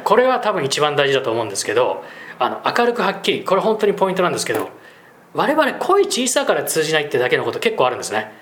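A fairly high-voiced man teaches business phrases in a quick, chatty way, laughing now and then. His pitch swings widely as he talks. The room gives his voice a noticeable echo. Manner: lively, chatty, laughs often. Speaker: English school principal, guest teacher. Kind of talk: explaining business English. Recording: roomy echo.

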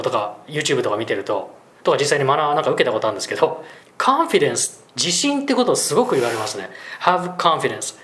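A fairly high-voiced man teaches business phrases in a quick, chatty way, laughing now and then. His pitch swings widely as he talks. The room gives his voice a noticeable echo. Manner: lively, chatty, laughs often. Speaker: English school principal, guest teacher. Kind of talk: explaining business English. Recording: roomy echo.

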